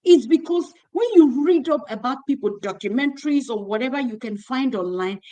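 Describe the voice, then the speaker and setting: A woman's voice: sits high, animated, normal speed, dark tone, poor audio. A woman hosting a youth ministry livestream, exhorting young women in a preacherly, repetitive way while holding a phone. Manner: exhortative, preacherly, repeating phrases. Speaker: host. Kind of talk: closing remarks on a livestream. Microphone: phone held in hand.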